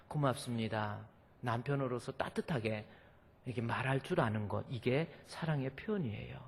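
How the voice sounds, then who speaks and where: A man's voice: mid-range voice, husky. A male pastor preaching a sermon in a church, folksy and joking with the congregation. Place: church sanctuary. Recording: long hall reverb.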